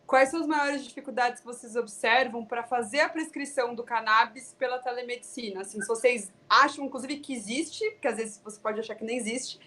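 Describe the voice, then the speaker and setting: A woman's voice: fairly high pitch, a little fast, few pauses, sharp tone. A woman on a live webinar asking a question politely and thinking aloud as she goes.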